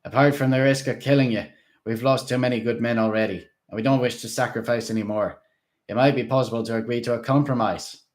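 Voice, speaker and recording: A man voicing a calm, authoritative guard of a vampire lord who speaks in a formal, measured way. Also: mid-range voice, lightly acted. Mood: commanding.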